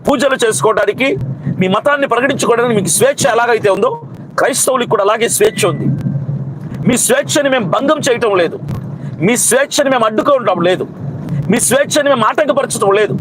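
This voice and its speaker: Fiery high-voiced man over traffic noise. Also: a little fast. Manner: fiery, scolding, piles up repeated rhetorical questions. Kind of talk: impassioned protest speech to camera.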